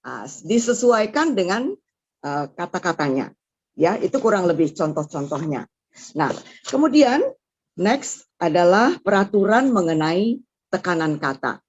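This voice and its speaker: A woman's voice: lowish voice, big pitch swings, measured pace, darkish tone, breathy edge, no echo. A woman giving a lecture on writing liturgical songs, explaining step by step and stopping to sing example notes. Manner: explains step by step, often ends phrases with "ya", sings example notes. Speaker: liturgical music instructor. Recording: dull lo-fi recording.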